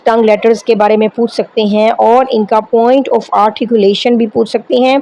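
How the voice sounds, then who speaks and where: A woman's voice: a little high, warm tone, poor audio. A woman with a Pakistani accent, an online Quran teacher giving a step-by-step lesson, explaining patiently and often checking in with her listeners. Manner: explanatory, checks in with repeated rhetorical questions. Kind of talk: instructional lesson, mixing Urdu with slowly read English lines.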